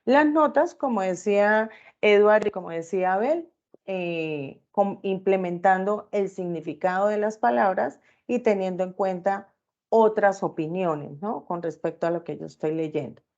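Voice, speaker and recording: A woman leads an online class at a middle pitch, pausing often to check in with her students. The call audio is dull and lo-fi. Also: a little mellow. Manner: checks in with listeners often with tag questions. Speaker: teacher.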